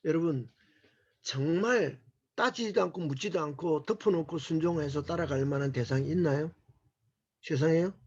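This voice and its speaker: A man leads a discipleship class in an earnest, sermon-like lecture and keeps putting rhetorical questions to his listeners. His voice sits high and gravelly, with a husky edge. The recording is muffled and lo-fi. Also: normal speed, darkish tone.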